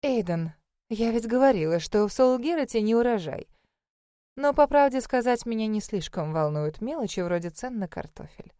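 A woman's voice: a little high, animated, normal speed, warm tone, smooth, dry recording, studio quality, close to an everyday voice. Woman doing a tired, disdainful aristocratic mother. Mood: weary.

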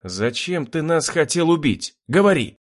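A man's voice: on the high side, big pitch swings, measured pace, voice pushed up. A man voicing a hot-tempered young redheaded man who talks bluntly and sneers. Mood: angry.

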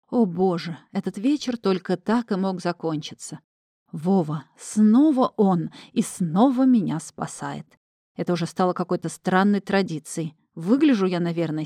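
A woman narrating a comic first-person audiobook in a lively, wry manner. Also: lowish voice, moderate pace, no room sound, studio quality.

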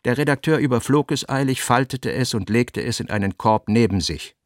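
A man narrating a literary audiobook in a measured, expressive storytelling manner. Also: medium pitch, dry recording, studio quality.

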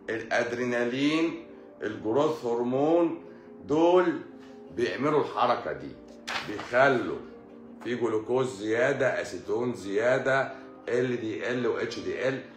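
An Egyptian man talks through a medical explanation on a live stream at a middle pitch. He drills key terms by asking them back as questions and greets viewers in passing. The room is echoey, and faint music plays underneath. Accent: Egyptian Arabic. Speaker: doctor giving a live talk.

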